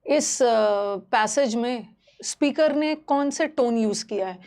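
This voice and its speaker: A woman's voice: sits high, slow pace, a little mellow. A woman teaching a live online exam-prep class, explaining terms in a mix of Hindi and English and checking in with students often.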